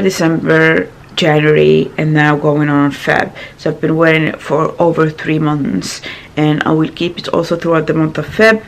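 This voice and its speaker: Chatting to a handheld camera at arm's length, a vlogger in her thirties rambles with lots of fillers in her small apartment bedroom. Short on sleep, she sounds croaky and gravelly, her voice sitting low, with slight background noise.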